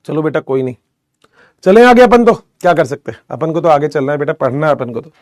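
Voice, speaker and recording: A man's voice: fairly high pitch, fairly quick, a little mellow, no room sound, clean studio sound. A young man teaching biology in a casual, joking manner, telling a story to his students and calling them beta. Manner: chatty, addresses students as beta, jokes often. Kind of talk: casual classroom lecture with storytelling.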